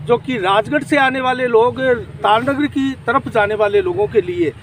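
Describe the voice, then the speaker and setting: A local news reporter pressing a politician with direct questions and reporting live from a farmers' protest site outdoors. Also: male voice, very high-pitched, normal speed, a bit bright. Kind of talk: street interview and on-the-spot report. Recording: busy street crowd and noise.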